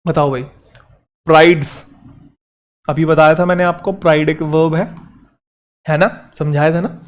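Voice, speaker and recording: Male teacher, somewhat high voice, patient step-by-step explainer. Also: fairly even intonation. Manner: explains step by step, addresses students as "beta", reads example sentences slowly. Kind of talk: classroom grammar lesson.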